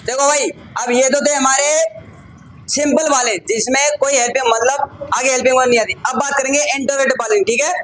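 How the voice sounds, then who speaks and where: A man's voice: very high-pitched, fairly even intonation, brisk, crowd noise, rough recording. A man teaching a grammar lesson to a class, calling the students brother and son and checking often that they follow. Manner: addresses students as "bhai" and "beta", asks frequent check questions.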